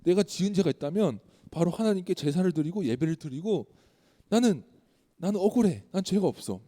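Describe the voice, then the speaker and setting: Job, the wronged righteous old man, as a preacher puts him on, pleads and protests with a warm, mellow tone. His voice rings out with a long reverb in a church hall. A sermon retelling for children. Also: high-pitched, lively intonation, a little fast. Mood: aggrieved. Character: aggrieved righteous older man Job, insisting on his innocence.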